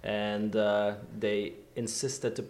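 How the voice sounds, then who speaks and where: A man's voice: on the low side, flat delivery, slow, a little mellow. A man from Romania who plays in a band, talking hesitantly in a casual chat. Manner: hesitant, understated. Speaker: band member. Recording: echoey room.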